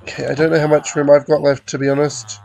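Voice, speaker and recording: A man's voice: on the high side, flat delivery, fast talker, creaky, darkish tone. A young man hosting a multiplayer game session in casual chat, rambling and correcting himself as he goes. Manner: rambling, unsure, self-correcting. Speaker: host of a game channel.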